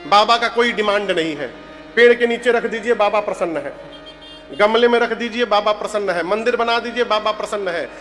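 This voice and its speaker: A man's voice: high-pitched, fairly quick, a bit bright, soft background music. A man giving a devotional sermon as a religious storyteller, telling stories with animation, putting questions to the audience and breaking into sung verse.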